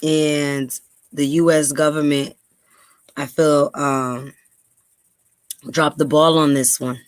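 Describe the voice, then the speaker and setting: Her voice sits low and smooth, her delivery flat and slow, with no room sound. She's a dry-voiced New York woman hosting a podcast of casual commentary and reading aloud, conversational and heavy on ums, hurrying when she stresses a point.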